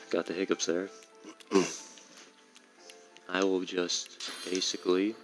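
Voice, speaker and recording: A man giving casual, rambling commentary while playing a game, often correcting himself mid-sentence. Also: low voice. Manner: rambling, self-correcting explanations. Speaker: gameplay streamer.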